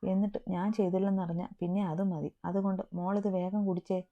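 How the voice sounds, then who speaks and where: A woman's voice: mid-range voice, level tone, fast, lightly acted. A motherly household helper in a spoken story, pressing and insistent, as a woman reader puts her on. The sound is thin and tinny, like a phone call.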